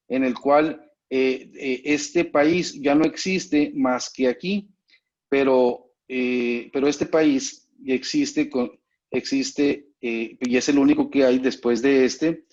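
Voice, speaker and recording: A man's voice: on the high side, a little mellow. Patient man teaching an online class. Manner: patient, explanatory, often checks in with students. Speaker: instructor. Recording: muffled lo-fi online call audio.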